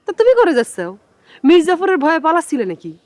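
A lively young village woman in a TV drama. Her voice is high and animated, quick and teasing. The sound is dry and close. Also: no echo. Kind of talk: TV drama acting.

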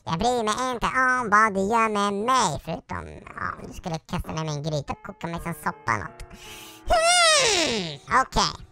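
A woman commenting on a video game as she plays, excitable, often shrieking and teasing the character chasing her. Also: mid-range voice. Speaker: gaming video host. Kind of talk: let's play commentary. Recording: loud game music behind the voice.

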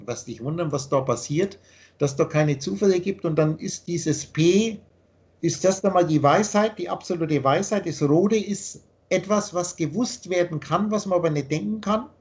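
Over a video call, a man gives a long, earnest monologue about his teaching, lecturing and often repeating himself. His voice is high and a little mellow, at a normal speed.

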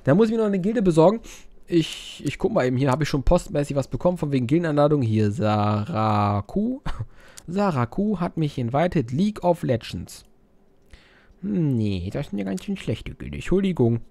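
A very animated young man with a high-leaning, gravelly, mellow voice speaks at a moderate pace in a dry recording. As a let's player, he jokes crudely, swears a lot, and reads out viewer messages in silly voices.

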